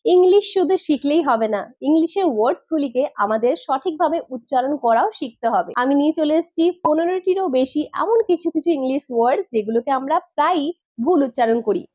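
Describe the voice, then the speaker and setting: A woman teaching English pronunciation in a lesson, asking the viewer questions and repeating each correct word slowly. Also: high voice, lively intonation, darkish tone, muffled recording.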